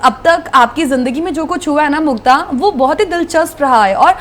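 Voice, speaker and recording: High-voiced woman interviewer. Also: animated, normal speed. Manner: warm, encouraging, mixes English phrases. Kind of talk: interview hosting.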